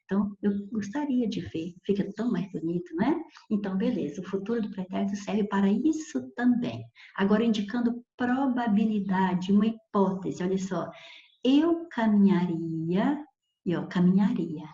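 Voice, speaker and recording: A woman teacher explaining grammar step by step, often checking understanding with quick tag questions and stressing key words slowly. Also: mid-range voice, echoey room, dull audio. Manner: lively, expressive emphasis with sudden slow stressed words. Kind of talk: grammar lesson.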